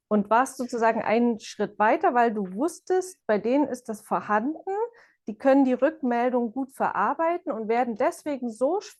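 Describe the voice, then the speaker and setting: A woman therapist steps into a discussion to reassure a colleague, explaining the reasoning patiently. Her voice is slightly high, with occasional "äh" fillers. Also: a little mellow. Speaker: therapist in a journal club. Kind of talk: casual discussion.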